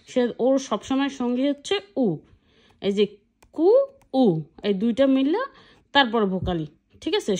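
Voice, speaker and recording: Female teacher, slightly high voice, patient step-by-step explainer, casual lesson delivery. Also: darkish tone. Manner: patient, spells letters one by one and checks in often. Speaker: language teacher.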